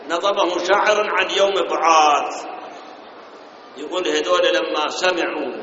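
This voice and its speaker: A man with an Iraqi Arabic accent preaches a storytelling sermon in a high, bright, ringing voice. He explains scripture phrase by phrase and asks rhetorical questions. The sound is slightly dull and carries the long echo of a big hall. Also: slight background noise.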